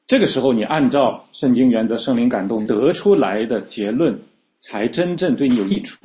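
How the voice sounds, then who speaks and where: This man preaches a teaching sermon in an easygoing, conversational style, frequently stalling on fillers and starting phrases over. His pitch is a typical middle range, and the audio is somewhat dull and lo-fi.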